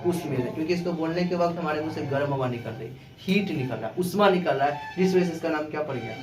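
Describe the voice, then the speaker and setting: A man's voice: on the high side, fast, music in the background. A male teacher giving a classroom grammar lesson, asking questions and repeating the answers himself. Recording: echoey room with clear background noise.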